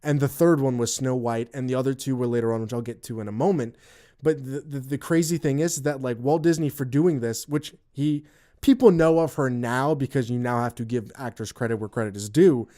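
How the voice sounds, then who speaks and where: A man's voice: medium pitch, brisk, dark tone. A man co-hosting a casual podcast, telling stories in a rambling way with many restarts and fillers. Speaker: podcast co-host.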